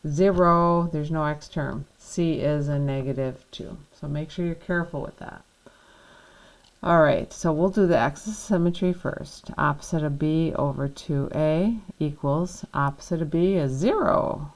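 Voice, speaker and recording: A woman's voice: sits low, moderate pace, a little mellow, rough recording. A woman teaching a math lesson, patiently walking through each step and checking in with the class.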